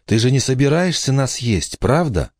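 A man voicing a stubborn, pleading young girl, the youngest of three siblings, in a high, insistent voice. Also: sing-song, normal speed, darkish tone, no echo, studio quality. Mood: urgent.

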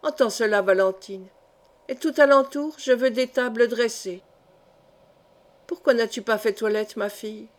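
A woman's voice: on the high side, a little slow, long pauses, natural voice. A woman reading the part of an old, feverishly exalted count in an audiobook, with an emphatic, proud delivery. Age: older.

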